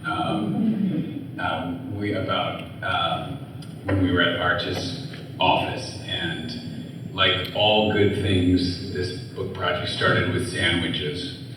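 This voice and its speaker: A US author with a deep, steady voice tells personal stories very slowly during an onstage conversation, rambling with lots of fillers and restarts and laughing easily. He holds a handheld mic that's having sound issues, and the large event hall comes across echoey and distant, with audible noise.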